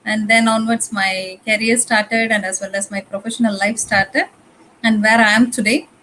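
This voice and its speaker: A woman's voice: a little high, little pitch movement, normal speed, bright, forceful tone, a little hiss or hum, low-quality recording. Tamil-accented woman guest lecturer. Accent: Tamil-influenced Indian English. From India, Tamil Nadu. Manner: conversational, repeats phrases, fillers. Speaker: guest speaker. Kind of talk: lecture talk.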